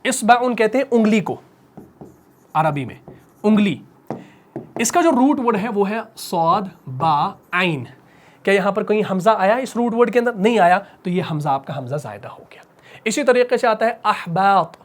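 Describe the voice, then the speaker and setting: A man teaching a Quran recitation lesson. He repeats key points, asks his class rhetorical questions, and slows to a near whisper on the words that matter. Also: sits high, animated.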